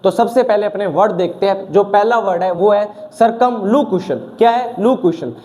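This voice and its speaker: A man's voice: sits high, normal speed, mellow, slight background noise. A man teaching exam vocabulary, asking questions and answering them himself, with a slightly sore throat. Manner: asks questions and answers them himself, repeating key words.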